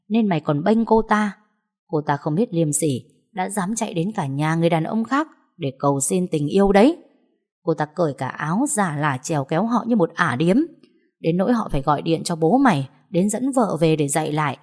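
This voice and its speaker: A cold, contemptuous older husband, as a woman reader puts him on, with a low, dark voice. He lays down the law bluntly. A spoken storybook scene. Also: animated, brisk. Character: stern, cold older husband, a local official.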